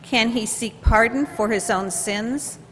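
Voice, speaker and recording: A woman reads scripture slowly and deliberately, her voice a little high for her sex. She speaks into a lectern mic in a big church, picked up by a distant camera. A long reverb and faint hiss trail her words. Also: a bit bright. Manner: measured, formal reading. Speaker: lector. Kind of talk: scripture reading at Mass. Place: large church, far from the camera.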